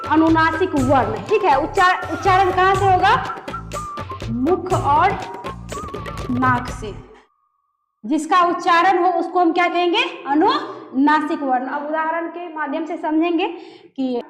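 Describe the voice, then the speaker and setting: High-voiced woman teaching in an echoey room. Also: a little slow, pauses often, fairly bright tone, soft background music. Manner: asks questions and answers them herself, repeats key terms. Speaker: Hindi grammar teacher. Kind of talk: classroom lesson. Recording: echoey room with long reverb.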